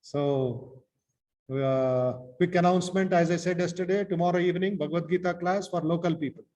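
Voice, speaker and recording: A man with a South Indian accent teaching an informal spiritual class as a monk, speaking in short halting phrases and often repeating words for emphasis. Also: sits high, darkish tone.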